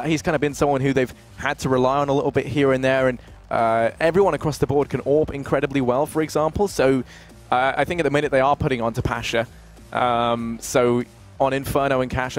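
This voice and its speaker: Quick-talking male esports analyst. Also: mid-range voice, flat delivery, soft background music. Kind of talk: casual broadcast analysis chat.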